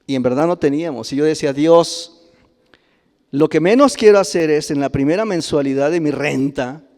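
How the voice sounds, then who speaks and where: A middle-aged pastor with a Mexican Spanish accent delivers a storytelling sermon in a fairly high voice. He chuckles often and swells into loud exclamations. His voice rings with the long reverb of a church hall. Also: normal speed. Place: church sanctuary.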